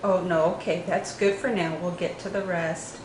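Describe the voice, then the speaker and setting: Female interviewer, slightly low voice, casual questioning for an oral history, roomy echo. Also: steady tone, normal speed. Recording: echoey room, faint background noise.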